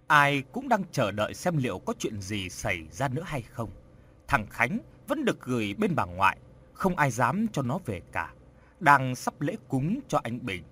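Male audiobook narrator, husky, dramatic, lively pitch swings. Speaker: storyteller. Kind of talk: audiobook horror story narration.

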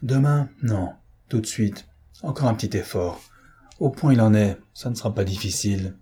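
A man's voice: fairly low pitch, moderate pace, mellow, slightly rough. A man voicing a cruel middle-aged marquis who commands harshly in an audiobook reading. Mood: weary commanding. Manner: harsh, commanding, increasingly frantic.

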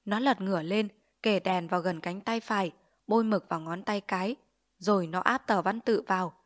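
A woman narrating a classic short story with steady, expressive storytelling. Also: mid-range voice, normal speed. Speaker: audiobook narrator. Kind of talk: dramatic short-story reading.

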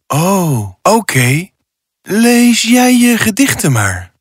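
An actor playing a polite young prince in a storybook tale, courteous and theatrical. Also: male voice, sits high, wildly swooping pitch, very slow, breathy edge, no room sound, studio quality, exaggerated voice. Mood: polite, awkward. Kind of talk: storybook voice acting.

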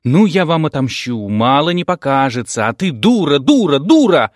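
A man reading an audiobook, voicing a grasping, hot-tempered young woman who shouts. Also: sing-song, normal speed, dry recording, studio quality. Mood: furious. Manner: shrill, shouting outbursts.

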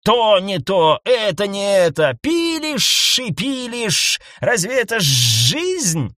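A man voicing a boastful, suspicious male alien snake with a slow, drawling, hissing delivery. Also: fairly high pitch, animated, dry recording, studio quality, heavily acted. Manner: drawling and hissing, swings to outraged yelling.

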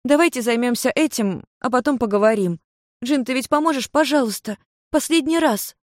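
A reader lifts the voice high to play an anxious young woman, pleading and urgent. She rushes her words, high and pressing, begging everyone to calm down. The voice stays close and dry. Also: no room sound, lightly acted.

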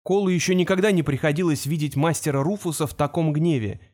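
A man narrating a fantasy story in a steady, expressive reading. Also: a little high, fast talker. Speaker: audiobook narrator.

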